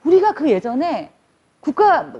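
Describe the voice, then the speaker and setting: A woman gives a public lecture in a chatty, animated way, her pitch sitting a bit high and swinging widely. Her voice is dark and slightly husky. The recording sounds dull and lo-fi. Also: a little slow. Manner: lively, conversational, acts out quotes.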